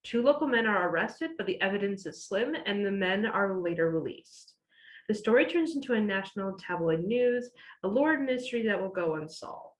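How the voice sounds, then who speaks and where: A woman's voice: medium pitch, lively intonation, moderate pace, rough recording. A woman on library staff, chatting casually and reading out book descriptions with frequent fillers. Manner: chatty, uses many fillers like "like" and "uh". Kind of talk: casual book recommendation chat.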